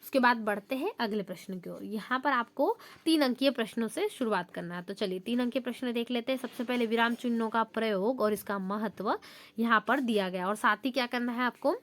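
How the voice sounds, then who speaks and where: Higher-pitched woman explaining exam answers. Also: brisk. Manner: steady explanatory, reads sample sentences aloud. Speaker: teacher.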